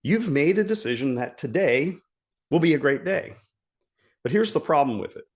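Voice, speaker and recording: A man speaking as a life coach, delivering a motivational talk in an earnest, emphatic way. He leans on key phrases and repeats them to drive the point home. His voice sits at an ordinary middle pitch. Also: a little mellow.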